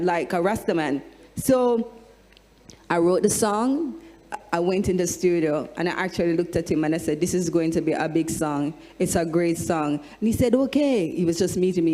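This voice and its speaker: A woman's voice: lowish voice, fairly quick, mellow. Jamaican woman telling stories in a reverberant hall. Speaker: singer on a discussion panel. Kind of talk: animated storytelling, bursts into sung lines. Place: large hall with an audience.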